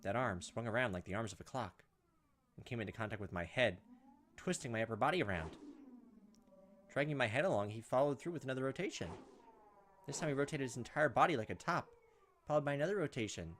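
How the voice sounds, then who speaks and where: Over game music and a slight background noise, a man hosts a gameplay video, reading a visual novel aloud in a theatrical, punchy way and tossing in jokes. His mid-range voice is a bit bright, with lively intonation, a fast pace, and frequent pauses.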